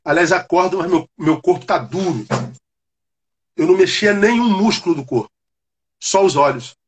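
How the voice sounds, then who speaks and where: A man, a Baptist pastor, telling a personal testimony in an animated, conversational way. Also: sits high, moderate pace, breathy edge. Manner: animated storyteller, calls the listener "cara". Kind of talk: personal testimony on a live chat.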